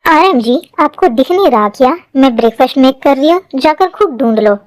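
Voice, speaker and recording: A woman's voice: high-pitched, lively intonation, a little fast, dry recording, pitched below the performer's own voice. A woman voicing a caring mother in a Hindi fan-dub drama, talking in a soothing motherly manner. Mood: snappish. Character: caring mother of a teenage girl.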